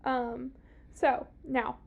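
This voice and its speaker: A woman's voice: high voice, flat delivery, extremely slow, vocal fry, narrow, tinny audio. A young woman hosting a podcast in casual chat, giggly and chatty, swearing freely. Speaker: podcast host. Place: small podcast room.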